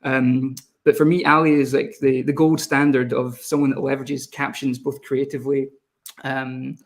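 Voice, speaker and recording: A young Scottish man in his twenties or so leads a video team and talks fast while hosting a live online webinar, addressing viewers in the chat. His voice sits in the middle range.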